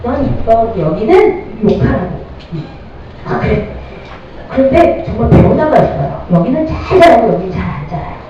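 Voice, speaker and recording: A woman's voice: mid-range voice, moderate pace. A middle-aged woman giving a parenting lecture, often putting questions to the audience. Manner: lively, addresses audience with questions. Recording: distant mic, dull lo-fi sound, echoey hall, noisy.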